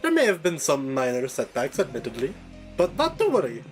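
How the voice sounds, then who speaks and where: A man's voice: medium pitch, huge pitch swings, fairly quick, soft background music. A man voicing a dutiful, formal villain's henchman in dialogue read aloud from a video game. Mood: dutiful, confident.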